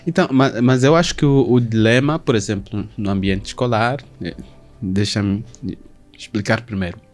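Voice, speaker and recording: A man from southern Brazil hosting an interview, asking long questions in formal, halting phrasing with many restarts. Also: fairly low pitch, soft background music. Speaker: host.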